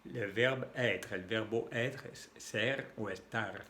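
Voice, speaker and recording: Slow French-accented man teaching sounds. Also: fairly low pitch, sharp tone, roomy sound, slight background noise. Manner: spells out letters and repeats sounds patiently. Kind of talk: slow language lesson.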